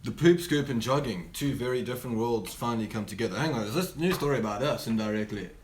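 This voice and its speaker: A man's voice: medium pitch, fast talker, slight background noise. Dry-humored young male co-host. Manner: dry quips, reads news stories aloud. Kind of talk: casual comedic chat.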